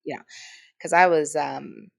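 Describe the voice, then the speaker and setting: A woman's voice: deep voice, fairly even intonation, a little slow, creaky. A woman co-hosting a podcast in casual chat, emphatic, with frequent restarts and asides. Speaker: podcast co-host.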